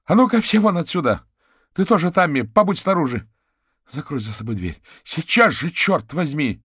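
A man's voice: fairly low pitch, lively intonation, normal speed, slightly rough, no echo, clean studio sound, voice pushed up, exaggerated voice. A man reading an audiobook voices a tense female police negotiator speaking with anxious urgency. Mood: shouting.

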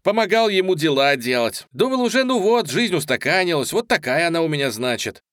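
A man voicing a menacing, cold young male gunman in an audio story, who talks coarsely and sometimes drawls slowly. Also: fairly high pitch, sing-song, a bit bright, no echo, clean studio sound, voice pushed up. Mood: rushed.

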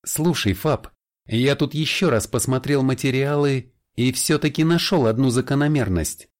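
A man's voice: mid-range voice, normal speed, pitched above the performer's own voice, natural voice. A man voicing an eager male elementalist colleague explaining findings, in a raised voice, in an audiobook.

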